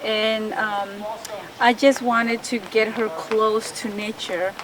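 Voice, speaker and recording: A woman's voice: a little high, flat delivery, takes it slowly. Woman from El Salvador, distant mic. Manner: friendly, slightly broken English. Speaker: backyard chicken keeper. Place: backyard with chickens. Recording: distant mic with background noise. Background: chickens.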